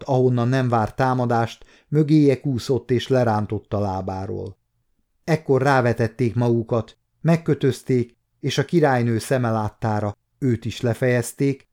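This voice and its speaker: A man in his fifties reading a historical novel aloud as an audiobook narrator, in a calm, measured storytelling manner. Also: mid-range voice. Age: 50s. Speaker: audiobook reader.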